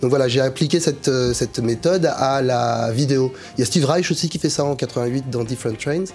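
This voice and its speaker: A man's voice: mid-range voice, a little fast, a little mellow, faint music behind. A male musician as an interview guest, talking in a casual, searching way and often restarting his phrases.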